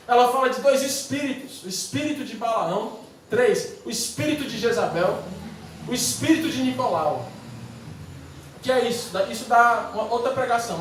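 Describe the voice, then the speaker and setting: A pastor preaching a sermon in an emphatic, repetitive rhetorical style, in a church sanctuary. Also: male voice, very high-pitched. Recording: very echoey church hall from far off, faint noise.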